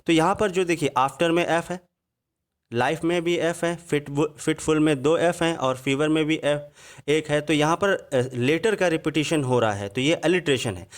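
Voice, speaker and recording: A man with a slightly high voice gives an online grammar lesson in Hindi. He explains patiently and drops into slow, careful reading whenever he quotes an English example. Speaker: English teacher. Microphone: voice-over on slides.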